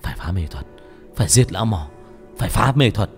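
A man's voice: on the low side, expressive, a little fast, gravelly, faint music behind. A man voicing a middle-aged male sorcerer who speaks in a gritted, intense way. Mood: strained.

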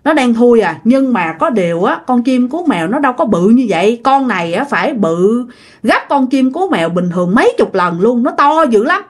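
A woman voicing an old great-grandfather, blunt and bold, who talks in a loud, calling way. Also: fairly high pitch, sing-song, normal speed. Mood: uneasy.

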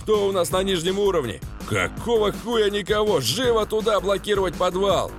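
A man's voice: high voice, animated, normal speed, faint music behind, voice pushed up. A man voicing a fierce male police commander who barks coarse orders. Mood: barking orders. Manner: barking, coarse.

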